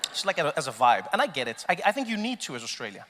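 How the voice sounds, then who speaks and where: A man performing a stand-up comedy set on stage, telling stories animatedly and shifting between loud bursts and quiet asides. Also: fairly high pitch, big pitch swings, quick pace, in a large hall, background noise.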